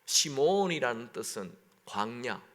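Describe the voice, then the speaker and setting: A man's voice: medium pitch, sing-song, measured pace. A man, a pastor, preaching a sermon in a church sanctuary, talking in a conversational way and asking the congregation questions. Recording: long echo of a large hall.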